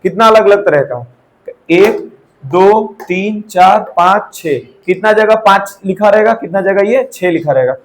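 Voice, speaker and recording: A young male teacher with a fairly high voice leads a live class. He poses questions and answers them himself, drops English terms into his explanations, and keeps checking that his students follow. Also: poor audio. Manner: mixes English terms into Hindi.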